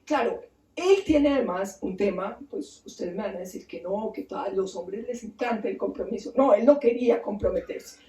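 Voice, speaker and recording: Animated woman telling myths. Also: mid-range voice, normal speed. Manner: animated, acts out voices, asks the audience. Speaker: author giving a book talk. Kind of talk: lively mythology storytelling talk. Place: bookstore event space. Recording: roomy, distant mic.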